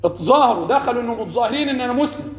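Egyptian sheikh teaching, very high voice, echoey hall with long reverb. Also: male voice, expressive, racing. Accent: Egyptian Arabic. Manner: rhetorical questions to listeners, mixes formal and colloquial. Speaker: sheikh and preacher. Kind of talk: religious lesson.

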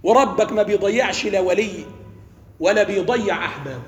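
Quick high-voiced Egyptian preacher. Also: male voice, lively intonation, soft background music. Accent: Egyptian Arabic. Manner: asks questions and lets the class finish his sentences. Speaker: religious teacher. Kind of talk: interactive religious lesson. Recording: echoey hall with faint ambience.

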